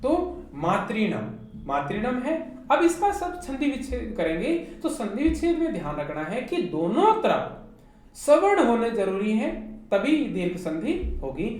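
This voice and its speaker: Slow and patient, a woman teacher with a Hindi accent gives an online class lecture, her pitch rising and falling in a lively way. She takes her students through each point step by step, posing rhetorical questions. The audio is very echoey with faint background noise.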